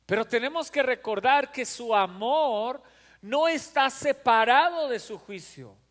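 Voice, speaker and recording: A man's voice: very high voice, lively intonation, a little slow, fairly bright tone. A man preaching a sermon as pastor, fervent and repetitive, acting out voices in his stories. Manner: fervent, repeats phrases for emphasis. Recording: long hall reverb.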